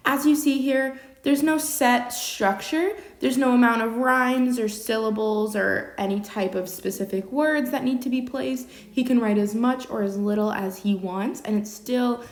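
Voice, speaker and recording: A woman's voice: a little high, unhurried, hardly any pauses. A woman teaching an online poetry lesson, explaining each rule patiently and step by step. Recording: very echoey room.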